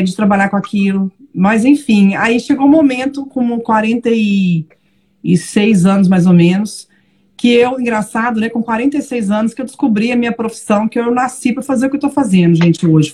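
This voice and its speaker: Chatty Brazilian woman, husky voice. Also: on the high side. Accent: Brazilian Portuguese. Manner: chatty, animated, laughs easily. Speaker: guest, low-carb advisor. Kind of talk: casual live chat.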